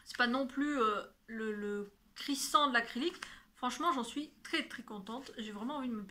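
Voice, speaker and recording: A woman's voice: sits high, sharp tone. A woman hosting a knitting video podcast, chatting casually and often correcting herself while showing her work. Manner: shows knitting and yarn as she talks. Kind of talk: casual chat to camera.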